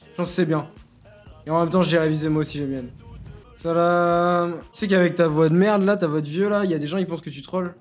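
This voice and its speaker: A young man who is a game server admin and YouTuber gives casual Let's Play commentary, talking very fast in a slightly high voice with fairly even intonation. He is slangy and bossy, making snap calls and teasing the players without mercy, with faint music in the background.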